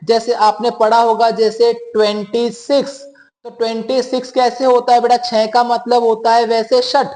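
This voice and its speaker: Guy teaching a class, kinda high voice, pretty monotone, keeps checking everyone follows. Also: moderate pace. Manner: patient, keeps calling students "beta" and asking questions. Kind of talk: classroom lesson.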